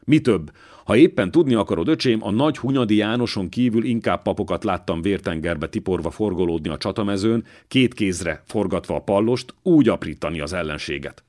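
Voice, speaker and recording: A man voicing a gruff, deep-voiced old man. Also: animated, darkish tone, natural voice. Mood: gruff, fatherly. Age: older. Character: wounded old man, former royal servant, gruff, fatherly.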